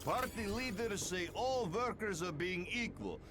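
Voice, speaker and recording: A man's voice: high voice, lively intonation, measured pace, noisy background. An actor playing a grumbling male moon miner in a video game, complaining in broken grammar with a mock Russian accent.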